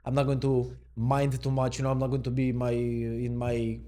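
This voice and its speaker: Relaxed male coach for an off-the-cuff reaction clip; thinks out loud, mid-range voice. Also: medium pitch, normal speed. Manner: musing, thinks aloud and questions what he reads; easygoing, laid-back. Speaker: mindset coach. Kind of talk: unscripted reaction video.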